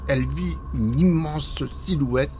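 A man narrating a children's story in an expressive, dramatic way. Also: a little high, slow pace, faint music behind.

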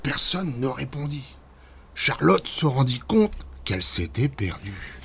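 A man narrating a children's storybook in an expressive, dramatic read-aloud manner. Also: mid-range voice, unhurried, gravelly, slight background noise.

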